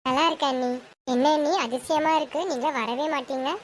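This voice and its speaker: A woman's voice: high-pitched, steady tone, a little fast, slight background noise, lightly acted. A woman voicing a polite, friendly sister-in-law in a homemade serial drama. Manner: polite, surprised.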